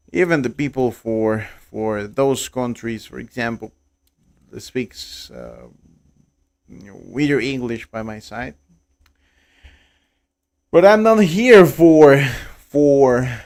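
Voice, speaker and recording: A young Costa Rican man who speaks Spanish natively, hosting a live trading stream in halting English, with many repeated words and restarts. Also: medium pitch, creaky. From Costa Rica. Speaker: livestream trading host. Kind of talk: casual live-stream chat.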